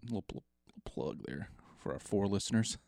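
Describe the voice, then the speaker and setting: A man co-hosting a podcast in casual chat, joking and telling animated stories. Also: low voice, moderate pace, vocal fry, dry recording, studio quality. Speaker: podcast co-host.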